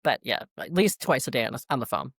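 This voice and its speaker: A middle-aged woman with a very deep voice is a guest in a casual podcast chat. She sounds wry and a bit crotchety, poking fun at herself as she grumbles. Her voice comes through dry and close to the mic. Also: sing-song, fast talker, creaky, no room sound. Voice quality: deep voice, called sir on the phone. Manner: wry, grumbling, self-deprecating.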